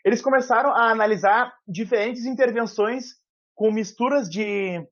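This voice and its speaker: A man's voice: high voice, moderate pace, a bit bright. A man giving an informal university lecture over a video call, explaining aloud with frequent fillers. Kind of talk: online lecture. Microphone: headset. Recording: muffled video-call audio.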